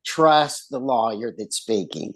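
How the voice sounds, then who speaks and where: A man's voice: mid-range voice, lively intonation, slow pace. Man with a West Texas twang. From West Texas, United States. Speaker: lawyer and author, in conversation. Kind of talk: casual conversational storytelling.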